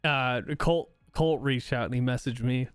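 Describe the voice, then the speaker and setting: A man in his thirties hosting a casual chat, goofy and energetic, laughing often and swearing freely. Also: mid-range voice, unhurried, clear, resonant tone, no room sound. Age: 30s. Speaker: streamer host.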